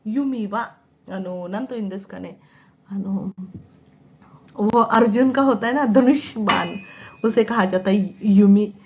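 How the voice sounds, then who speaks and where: A woman's voice: mid-range voice, slow, long pauses, highs cut off, noisy background. A woman teaching, explaining answers in mixed with Japanese and often checking that her students follow. She has a sore throat. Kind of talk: exam practice lesson.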